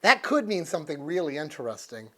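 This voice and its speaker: A folksy, easygoing American man in his sixties reviews a product unscripted in an indoor living room with a couch, chatting casually and thinking aloud. His voice is a little high, sing-song and sharp in tone, and he talks briskly.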